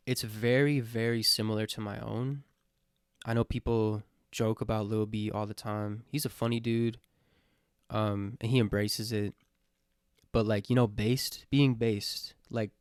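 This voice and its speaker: This man, a vlogger going through a list of questions he set himself, thinks out loud in a casual, sincere way, with a medium-pitched voice. He rambles, hesitates and restarts, leans on fillers, and swears occasionally. The audio is clean studio sound without echo.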